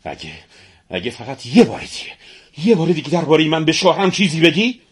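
A man's voice: lowish voice, big pitch swings, breathy edge, no room sound, clean studio sound, heavily acted. A man voicing a hot-tempered, suspicious merchant's wife in a storybook reading, in a raised, scolding voice. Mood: angry.

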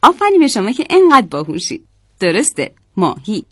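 Animated woman telling a children's story. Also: medium pitch, dry recording, clean studio sound. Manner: animated, asks children questions.

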